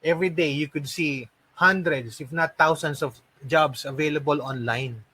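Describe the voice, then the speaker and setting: Speaking at a moderate pace, this online English and call center trainer has a fairly high, bright, forceful, husky voice. He comes from the Philippines and has a Filipino accent. In his live lesson, he encourages learners by repeating phrases and asking rhetorical questions.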